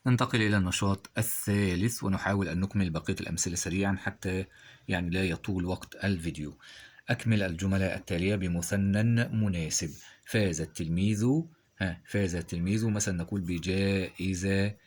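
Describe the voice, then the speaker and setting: A man teaching a grammar lesson. He reads example sentences slowly, then asks quiz questions and answers them himself. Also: sits low, fairly even intonation, darkish tone.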